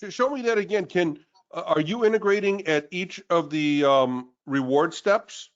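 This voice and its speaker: A man joining a live webinar, asking a halting question with many restarts. His call audio has a sped-up, chipmunk-like distortion. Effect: sped-up, high chipmunk-like distortion on his call audio. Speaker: webinar participant. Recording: dull lo-fi call audio from far off.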